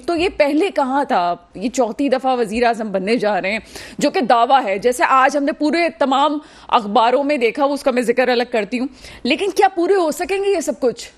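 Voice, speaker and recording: A young woman hosts a political talk show on television. Her voice sits a little high, and she sounds under the weather with a cold. She puts her questions in a measured way, with frequent pauses and hesitations. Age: young adult. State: unwell with a cold. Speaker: news show host.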